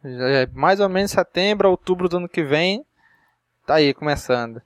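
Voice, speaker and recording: A man's voice: on the high side, animated, moderate pace, no room sound, clean studio sound. A man with a Brazilian Portuguese accent hosting a casual podcast in an informal, slangy, teasing way. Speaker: podcast host.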